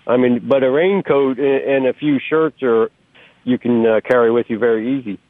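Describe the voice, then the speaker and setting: A man's voice: mid-range voice, steady tone, normal speed, dry recording. Stumbling man calling in on a phone line. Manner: repeats words, stumbling starts. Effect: phone line call-in. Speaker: radio show caller. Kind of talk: casual call-in chat.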